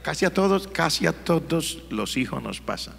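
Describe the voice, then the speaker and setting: A man's voice: fairly high pitch, very animated, moderate pace, gravelly, a bit bright, a little hiss or hum. A male pastor, preaching a sermon in an emphatic storytelling manner. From Colombia. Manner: storytelling, emphatic, plays the characters. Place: church. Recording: long church reverb.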